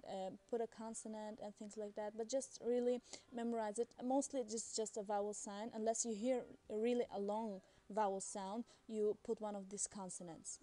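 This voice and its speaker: A woman talks through a beginner's language lesson. Her voice is mellow and warm, and she explains patiently. She often pauses on fillers and restarts her sentences. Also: mid-range voice. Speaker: Arabic language teacher. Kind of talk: casual recorded lesson.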